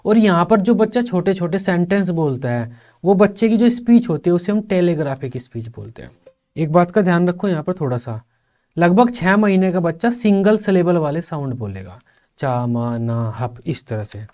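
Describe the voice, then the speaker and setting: A young man teaching a teacher-training class, explaining step by step and slowly sounding out each syllable. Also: sits high, big pitch swings, darkish tone. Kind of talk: online exam-prep lecture.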